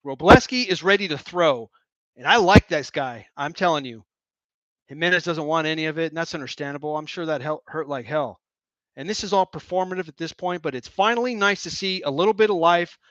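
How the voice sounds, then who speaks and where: Irreverent, excitable male play-by-play host. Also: a little high, brisk, no echo, highs cut off. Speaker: host of a fan watch-along broadcast. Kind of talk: joking play-by-play commentary.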